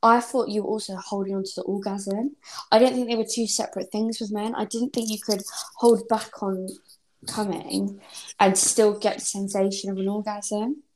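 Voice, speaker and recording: A woman hosts a casual podcast. She is informal and frank, happy to swear, and speaks at an average female pitch. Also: fairly even intonation, normal speed, a little mellow, a little hiss or hum, low-quality recording. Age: 20s. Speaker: podcast host. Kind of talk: casual chat.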